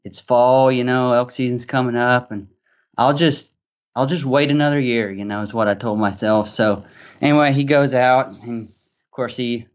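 A man's voice: mid-range voice, fairly even intonation, moderate pace. Young Arkansas man, slightly muffled recording. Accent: Arkansas Southern American. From Arkansas, USA. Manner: rambling, peppered with "you know". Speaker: podcast guest. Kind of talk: casual interview storytelling.

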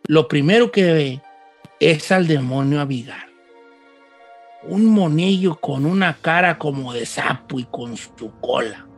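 A man spins a spooky legend in a casual, folksy style, tossing in chatty asides. His voice sits high for a man. Faint music plays underneath. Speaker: storyteller host. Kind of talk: casual spoken legend telling.

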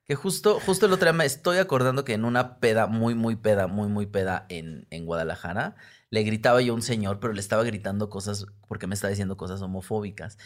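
A man's voice: lowish voice, fast. A man with a Mexican Spanish accent, a comedian guest chatting casually and acting out the voices of the people in his stories. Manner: animated storyteller who acts out quoted voices; frequent tag questions and self-interrupting restarts. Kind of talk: casual conversational interview.

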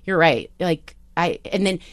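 A woman chatting casually, telling a lively story and acting out the voices of the people in it. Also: fairly low pitch, unhurried, dry recording, clean studio sound. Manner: animated storytelling, acts out quoted voices. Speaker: TV show staffer turned on-air talent. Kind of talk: casual chat.

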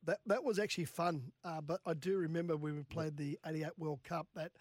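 Chuckly, higher-voiced male storyteller. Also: steady tone, fairly quick, dry recording, clean studio sound. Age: middle-aged or older. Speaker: former rugby league player and coach, guest. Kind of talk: casual anecdotal sports chat.

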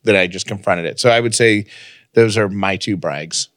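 A podcast co-host with a fairly bright voice on the low side chats casually and personally at a moderate pace, trading banter. The studio recording is clean, with no room sound.

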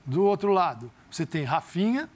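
A man's voice: high voice, sing-song, normal speed. A man talking football as a pundit in a studio debate, emphatic and full of rhetorical questions. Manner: emphatic, explains tactics with repeated questions.

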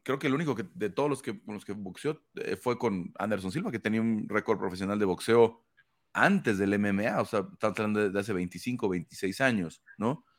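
Low-voiced host analyzing fights. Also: male voice, brisk. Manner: fluent, emphatic, many fillers and tag questions. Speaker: host of an MMA analysis panel. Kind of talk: casual panel commentary.

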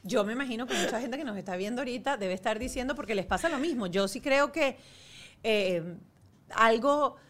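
A woman's voice: fairly high pitch, fairly quick, fairly bright tone. A woman hosting a parenting interview show, asking thoughtful follow-up questions in a casual tone. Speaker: host.

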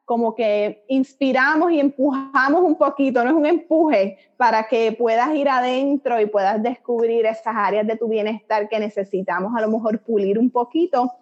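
A woman's voice: a little high, moderate pace, few pauses. A middle-aged Puerto Rican woman, a psychologist guest, explaining her ideas in a reflective, conversational way with little fillers. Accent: Puerto Rican Spanish. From Puerto Rico. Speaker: guest, psychologist and dance method creator. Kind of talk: conversational interview. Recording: dull lo-fi audio.

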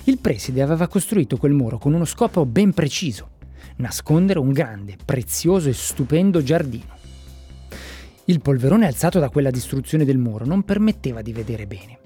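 A storyteller giving a lively, expressive reading of a children's story. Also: mid-range voice, normal speed, breathy edge, soft background music.

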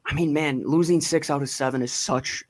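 A man co-hosting a sports podcast, giving emphatic, animated opinions in casual chat. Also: on the high side, normal speed, no room sound. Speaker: podcast co-host.

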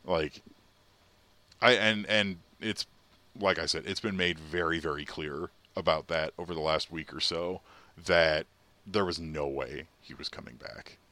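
A man's voice: very deep voice, measured pace, pushed and bright, no room sound. A man talking earnestly on a sports podcast, rambling a little with restarts. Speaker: podcast co-host. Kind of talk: casual sports podcast chat.

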